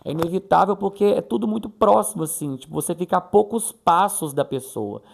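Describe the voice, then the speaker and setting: A man's voice: sits high, lively intonation, a little fast, creaky, a little hiss or hum. A man from Brazil chatting casually in a vlog, retelling a conversation and acting out the quoted voices. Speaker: vlogger.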